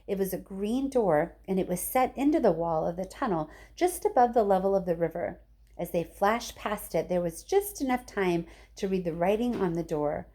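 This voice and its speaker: Reading from a children's book at a moderate pace, a teacher uses a medium-pitched voice and an expressive, storyteller's delivery.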